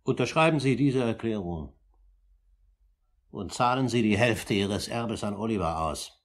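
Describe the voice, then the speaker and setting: Heavily acted and animated, a man plays the composed older uncle in a 1950s German radio play, his husky, lowish voice formal and deliberate. He uses firm, accusing emphasis, sounding commanding and firm.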